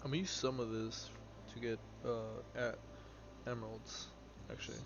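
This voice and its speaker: Young male streamer, early twenties, loose rambling chat with chat, slightly muffled audio and steady background hiss. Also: medium pitch, normal speed. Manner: rambling, filler-heavy, answers chat offhand. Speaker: game streamer. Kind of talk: casual live-stream chat while playing. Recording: slightly dull audio with clear background noise.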